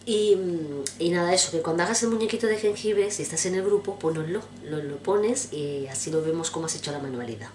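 A woman with a deep, low voice chats to camera at home. She rambles from topic to topic and addresses her viewers fondly. A steady background noise runs under the whole recording. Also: fairly quick. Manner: rambling, chatty, affectionate, addresses viewers directly. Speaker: vlogger. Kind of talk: casual chat to camera.

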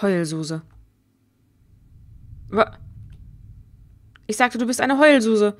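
A woman's voice: fairly high pitch, unhurried, natural voice. A woman voicing a plucky, stubborn young girl who speaks bluntly and earnestly, reading game dialogue aloud. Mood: defiant.

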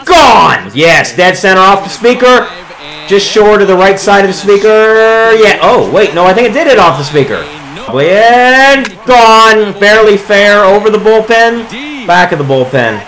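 A man giving excitable gameplay commentary, calling home runs like a sportscaster as he plays. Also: high-pitched, measured pace, rough recording. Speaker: gaming video creator.

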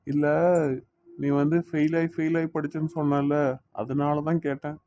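A man's voice: fairly high pitch, level tone, moderate pace, mellow, muffled recording, a little hiss or hum, natural voice. A man voicing a teasing but doting young man in a cartoon, speaking with a Tirunelveli Tamil accent. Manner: teasing, coaxing, playfully scolding. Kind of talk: cartoon voice acting.

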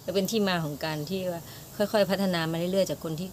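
A young woman tells her own story in a frank, self-mocking way and laughs often. Her voice sits on the low side. Clear background noise runs under the whole recording. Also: fairly even intonation, fast talker, a little mellow. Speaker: guest telling her story. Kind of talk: personal storytelling.

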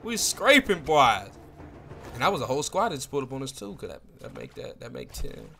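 A young man giving casual, slangy commentary over his own gameplay, excitable, with hype reactions and playful trash talk. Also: mid-range voice, fairly quick, vocal fry, a little hiss or hum. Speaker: gaming video creator.

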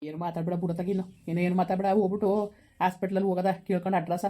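A woman's voice: lowish voice, flat delivery, rapid-fire, mellow, lightly acted. A woman playing a stern elderly village father-in-law, blunt and questioning. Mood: resigned. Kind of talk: village skit acting.

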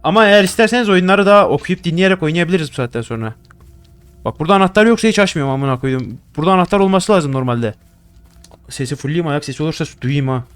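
In a rapid-fire, expressive, fairly high voice that's clear and resonant, a young gaming YouTuber reacts to a horror game at home. Jumpy and profane, he keeps talking to the things he picks up.

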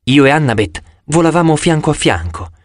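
A man reading an audiobook with animated first-person storytelling. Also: fairly high pitch, brisk, no echo, studio quality. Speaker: audiobook narrator.

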